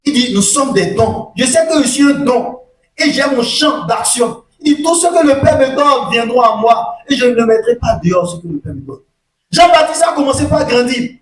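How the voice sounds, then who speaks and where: A man preaches a sermon in a very high voice, dotting his talk with calls of "alléluia" and questions to the congregation. He drops into soft asides, then bursts into shouted emphasis. He is heard from a distance in an echoey room. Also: lively intonation, normal speed. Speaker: pastor.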